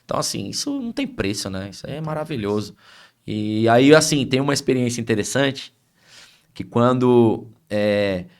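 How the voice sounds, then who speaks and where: Animated Brazilian pastor telling stories. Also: male voice, mid-range voice, normal speed. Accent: Brazilian Portuguese. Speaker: itinerant pastor. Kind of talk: podcast conversation.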